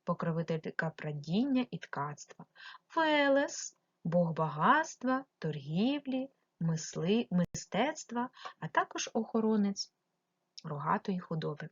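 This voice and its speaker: Ukrainian-accented woman teaching kids remotely; husky, patient, clear stress, dull recording. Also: lowish voice, very animated, no echo. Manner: slow, clearly stressed, addresses the child directly. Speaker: primary school teacher. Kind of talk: remote lesson for young pupils.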